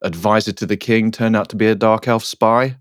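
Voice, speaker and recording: Podcast co-host, male, lowish voice, dry close mic, halting casual recap. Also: fairly even intonation, dry recording. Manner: halting, self-correcting, laughing. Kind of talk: casual chat, recapping lore.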